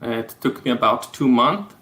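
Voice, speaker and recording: An Austrian man from Vorarlberg, a native German speaker, talks in English with an Austrian German accent while hosting a casual livestream. He walks through things step by step in a halting, low-key manner, yet his voice comes across animated, pushed and bright. The recording has a roomy echo.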